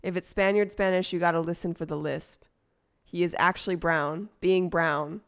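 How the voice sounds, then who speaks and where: Expressive woman streamer chatting casually. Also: on the low side, moderate pace. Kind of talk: casual chat.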